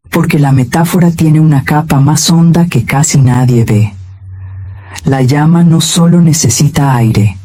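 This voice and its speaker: A man giving scripted motivational narration in a calm, measured, solemn way. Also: medium pitch, slightly rough.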